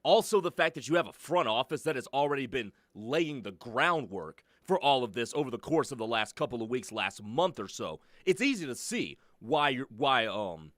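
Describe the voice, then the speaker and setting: Measured sports radio co-host, man. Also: mid-range voice, fairly bright tone, no room sound, clean studio sound.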